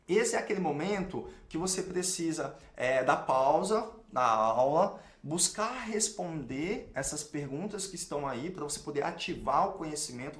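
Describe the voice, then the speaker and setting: High-voiced Brazilian teacher in an echoey room. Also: male voice, fairly bright tone. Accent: Brazilian Portuguese. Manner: explains step by step, with frequent checks like "ok?" and "beleza?". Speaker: English teacher. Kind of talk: online language lesson.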